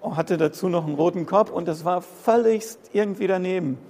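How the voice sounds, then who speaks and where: A man's voice: sits high, fairly quick, darkish tone, long reverb tail, a little hiss or hum. A man preaching a sermon, impassioned, repeating phrases for emphasis. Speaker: pastor. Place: church hall.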